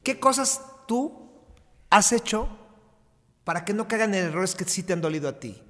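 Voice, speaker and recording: A man's voice: high voice, lively intonation, moderate pace, a bit bright, big-room sound. A man from Mexico hosting an interview, asking earnest, probing questions. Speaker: podcast host.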